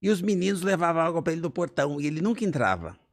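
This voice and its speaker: A man's voice: on the high side, rapid-fire. A middle-aged man, a business owner telling a personal story in a conversation and acting out the dialogue with animation. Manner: animated, lively storyteller who acts out dialogue. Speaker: business owner, interview guest.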